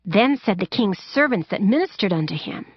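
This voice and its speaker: A woman's voice: mid-range voice, expressive, moderate pace, slightly rough, no echo, lo-fi sound. A woman reading scripted scripture narration for an audiobook. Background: faint music.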